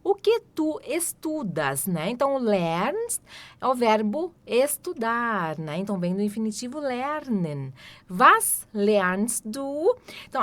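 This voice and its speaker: A woman with a Brazilian Portuguese accent teaching an online German lesson, explaining step by step and slowly repeating each German word several times. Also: on the high side. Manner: explains step by step with frequent "tá?" and "né?" checks.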